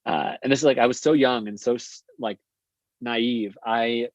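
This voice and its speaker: A man's voice: mid-range voice, moderate pace, dry recording. A man tells work stories on a podcast, rambling through fillers in an ordinary mid-range voice. The sound is dry and a bit dull, with no room around it. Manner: rambling, filler-heavy, animated anecdotes. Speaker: podcast guest, agency founder. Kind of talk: casual interview storytelling.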